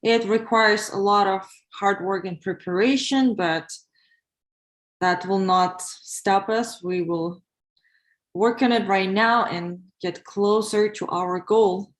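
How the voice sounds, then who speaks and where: This Ukrainian woman, a pharmacist preparing for an English test, has a medium-pitched voice recorded with a roomy sound. Mixing practice exam answers with casual livestream talk, she stays careful and measured, filling her answers with hesitant pauses.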